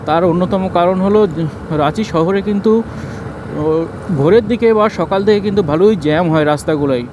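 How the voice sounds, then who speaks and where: A man's voice: sits high, moderate pace, muffled recording. A man casually narrates a travel vlog, explaining things informally. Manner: informal, explanatory, giving route advice. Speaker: travel vlogger. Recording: noisy outdoor road and vehicle sound.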